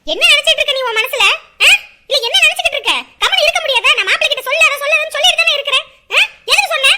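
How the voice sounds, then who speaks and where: A woman's voice: very high voice, big pitch swings, quick pace, sharp tone, exaggerated voice. An actress playing a bitter, quarrelsome middle-aged mother-in-law who scolds and complains at length. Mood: angry scolding. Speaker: mother-in-law in a family drama. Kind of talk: scripted web series acting.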